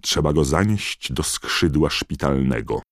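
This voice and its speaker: A man putting on a loud, rattled official in a storybook reading, pushed up high above a very deep, husky base voice, the sound dry and close. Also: sing-song, very slow, dry recording, exaggerated voice. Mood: alarmed. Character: excitable male minister, loud and flustered.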